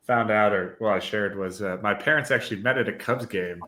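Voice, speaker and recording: Bright-voiced young host in an echoey room. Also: male voice, lowish voice, a little fast. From Wisconsin, US. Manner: upbeat, loose, filler-heavy. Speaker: podcast host. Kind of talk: casual technical podcast hosting.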